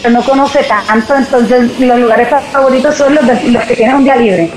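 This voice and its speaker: A woman's voice: a little high, brisk. Chatty Puerto Rican woman. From Puerto Rico. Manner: lively and chatty, with the filler "este". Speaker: singer, guest. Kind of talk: conversational interview.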